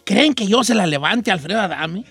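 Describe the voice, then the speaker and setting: A man's voice: high voice, brisk, slightly rough, no room sound, faint music behind, full character voice. A man voicing a rowdy, boastful older male rancher with a Mexican accent, hosting a comic radio talk show in a brash way. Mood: joking. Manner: lively, brash, breaks into shouting.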